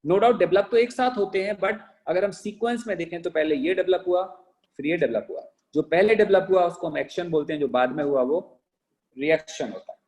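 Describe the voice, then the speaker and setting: A man with a fairly high voice teaches a physics class. He keeps asking questions and answering them himself. He slows right down to dictate sentences for notes. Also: a little mellow. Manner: mixes Hindi and English. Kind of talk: classroom lecture.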